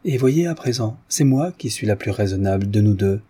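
A man's voice: fairly low pitch, animated, normal speed, warm tone, slightly rough. A man reading aloud and voicing a coquettish, anxious young wife who pleads tenderly with her husband. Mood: pleading. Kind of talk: audiobook reading.

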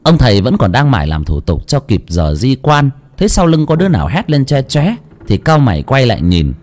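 A man's voice: medium pitch, big pitch swings, fairly quick, a little mellow. A man narrating a village ghost story in a dramatic, suspenseful way.

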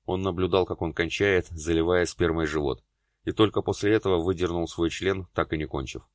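Deep-voiced male audiobook narrator. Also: steady tone, fairly quick, no room sound. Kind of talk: scripted narration.

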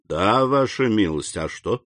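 Man voicing a bandit leader, low and unbothered, drawn-out replies. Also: lively intonation, fairly bright tone, dry recording. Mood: cool. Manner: low, unhurried, cool. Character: calm phlegmatic male bandit chief.

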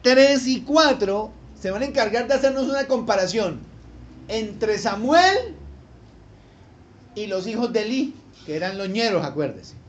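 A man preaches a sermon, his voice pitched high and swinging up for emphasis. He works the room with rhetorical questions and acts out the people in his stories. The recording sounds a little dull and lo-fi, with faint noise underneath. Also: big pitch swings, measured pace. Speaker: pastor.

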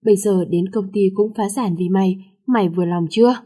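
A woman's voice: mid-range voice, a little fast, warm tone, close to an everyday voice. A woman voicing a harsh, scolding middle-aged father. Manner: gruff, scolding.

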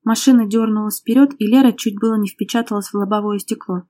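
A woman's voice: medium pitch, steady tone, fast talker, mellow. A woman reading an audiobook, narrating a tense domestic drama in a dramatic storytelling manner. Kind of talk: scripted narration.

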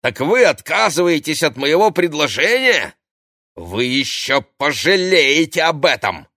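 A man's voice: medium pitch, sing-song, measured pace, no echo, studio quality, voice pushed up. A man voicing a brash, scheming female TV reporter who is pushy and domineering, in an audiobook. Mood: indignant, shrill. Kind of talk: audiobook character voice.

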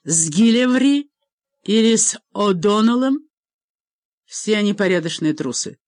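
A woman reading aloud and voicing a gruff, angry old male clan chief who barks his demands. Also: mid-range voice, animated, measured pace, no echo, studio quality, pitched above the performer's own voice, natural voice. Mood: angry, demanding. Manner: loud, demanding, barking.

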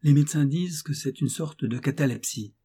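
Male narrator reading a classic novel, dark and husky timbre, steady and expressive. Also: on the high side, brisk. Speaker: audiobook narrator. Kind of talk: scripted audiobook narration.

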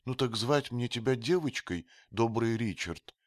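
A man voicing a timid, gentle youth with a high, soft boyish voice in a read-aloud story. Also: animated, measured pace, no echo, clean studio sound, close to an everyday voice. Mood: teasing. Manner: pleading, teasing.

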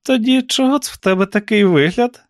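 A sharp-eyed, prying old aunt with a high, pinched voice and reproachful questions, as a male narrator puts her on. The audiobook sound is dry and close, with no room around it. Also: a little fast, no echo, lightly acted.

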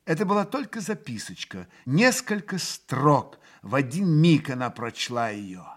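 A man's voice: fairly high pitch, sing-song, a little slow, a bit bright. A man narrating a literary text in a dramatic, theatrical reading. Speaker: reader.

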